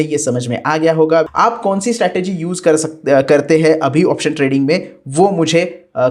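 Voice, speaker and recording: A man with an Indian accent, patiently explaining an options trading strategy in a tutorial, with frequent filler sounds. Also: a little high. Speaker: finance educator. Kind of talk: screen-share tutorial explanation.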